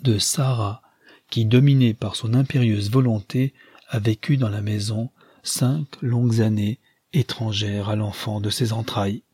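A man reading a classic novel aloud as narrator, measured and solemn. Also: fairly low pitch, steady tone, mellow, breathy edge, no echo, clean studio sound. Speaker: audiobook narrator. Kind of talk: scripted narration.

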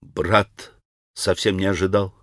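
A man reading an audiobook, voicing an earnest, gentle young man who speaks firmly. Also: mid-range voice, slow, clear, resonant tone, dry recording, clean studio sound.

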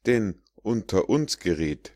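A man's voice: lowish voice, big pitch swings, takes it slowly, a little mellow, no room sound. A man voicing a wry, cautious rock crystal who speaks in a dry, confiding tone.

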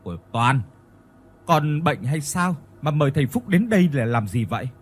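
A man's voice: a little high, lively intonation, moderate pace, slightly rough. A man voicing a spiteful, scornful village mother in a ghost story. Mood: wary. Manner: scornful, sneering.

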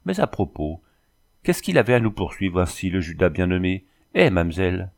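A man's voice: low voice, animated, fairly quick, vocal fry. A man reading an audiobook, voicing a talkative former cavalryman who is exclamatory and endlessly apologetic. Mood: puzzled. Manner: chatty, overly polite, exclamatory. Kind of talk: audiobook character voice.

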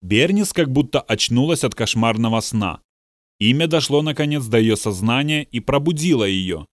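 A man narrating a thriller audiobook in a steady, dramatic way. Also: medium pitch, normal speed, no echo, clean studio sound. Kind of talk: scripted narration.

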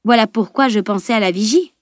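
A woman's voice: mid-range voice, fairly quick, dry recording, lightly acted. Teen girl heroine, eager, confident, reassuring, read by a woman, dry close sound. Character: teenage heroine, confident and warm.

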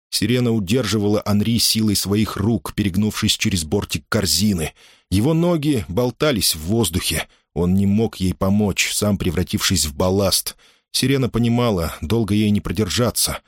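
A man with a low, lively voice narrating a dramatic audiobook. His storytelling is measured and expressive. The sound is dry and close. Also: no echo.

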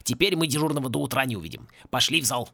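A man voicing a gruff school caretaker who grumbles and bosses people around. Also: medium pitch, fast, sharp tone, no room sound, clean studio sound. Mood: grumbling. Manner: grumbling, bossy. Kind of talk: audiobook character voice.

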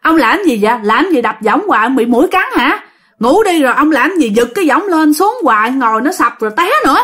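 A woman's voice: sits high, expressive, fairly quick, fairly bright tone. A woman voicing an irritated middle-aged wife who brushes off her husband's fears and nags him. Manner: exasperated, brushing off, nagging.

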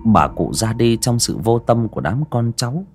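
A man narrating an audio story with dramatic expression. His mid-pitched voice moves through lively, animated intonation. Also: normal speed, faint music behind.

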